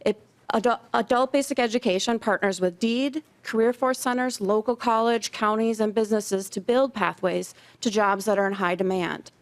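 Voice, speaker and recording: In a legislative committee hearing room, a middle-aged woman who directs community education reads prepared testimony supporting a bill. She speaks at a moderate pace in a mid-range voice.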